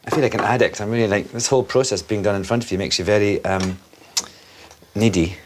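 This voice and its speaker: A man's voice: on the low side, fast, a little hiss or hum. Chatty male presenter asking questions. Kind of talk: on-location interview. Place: on location in a coffee shop.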